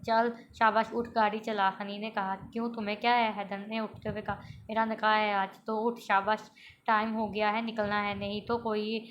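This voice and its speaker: A woman's voice: medium pitch, flat delivery, normal speed, fairly bright tone, dull audio, slight background noise. A woman reading a romantic novel aloud, voicing all the characters in her own voice with small stumbles and restarts. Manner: reads every character in a mostly plain voice, with small stumbles and restarts. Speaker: novel reader.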